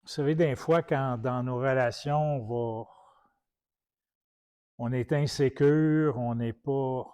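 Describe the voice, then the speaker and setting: A man's voice: mid-range voice, a little mellow. A man from Quebec with a Québécois French accent, preaching in a colloquial, anecdotal style full of restarts. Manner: colloquial storytelling with many restarts. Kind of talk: anecdotal teaching talk.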